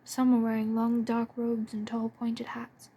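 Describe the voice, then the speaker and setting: A woman reading a story aloud in a soft, breathy and hushed way. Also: fairly high pitch, completely flat delivery, measured pace, a little hiss or hum. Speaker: fan audiobook reader. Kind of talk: storybook narration.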